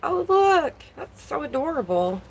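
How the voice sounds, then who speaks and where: A chatty woman hosting a relaxed livestream, talking along and greeting viewers by name. Her voice is a little worn, as if she is losing it. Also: high voice, measured pace, a little hiss or hum, low-quality recording. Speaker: livestream host. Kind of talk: casual livestream chat.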